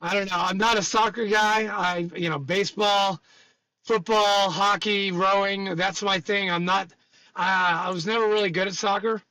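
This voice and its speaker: Podcast host guy, high bright voice, blunt jokey rambling. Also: steady tone, moderate pace, no echo, rough recording. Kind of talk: casual chat.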